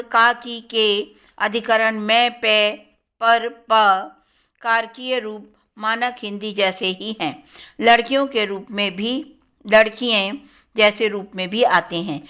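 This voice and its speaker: Female lecturer, bright tone, very deliberate pace, reads out forms item by item. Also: a little high, clear, resonant tone. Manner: measured, listing word forms one by one. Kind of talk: slow academic lecture on Hindi dialects.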